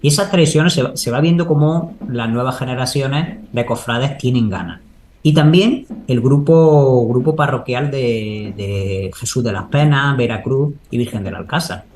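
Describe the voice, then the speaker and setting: Answering unscripted interview questions, this local interviewee and Holy Week proclamation speaker is earnest and wanders in his talk, frequently using tag questions to invite agreement. He speaks at normal speed in a medium, slightly mellow voice, over noticeable background noise.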